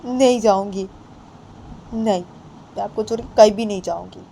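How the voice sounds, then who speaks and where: A woman voicing an emotional young woman who pleads and refuses in a raised, high voice. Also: normal speed, creaky, warm tone, slight background noise, natural voice. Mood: pleading refusal. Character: young woman, tearful and clinging to her aunt.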